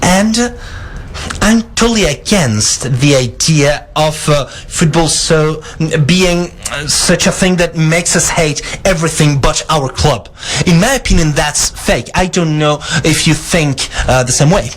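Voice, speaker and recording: Interpreter speaking plainly, middle pitch. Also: measured pace. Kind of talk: live consecutive interpreting.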